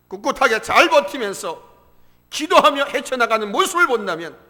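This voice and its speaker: A male pastor preaching a sermon in a church, impassioned, swinging between hushed and loud. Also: on the high side, creaky. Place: church sanctuary. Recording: long church hall reverb.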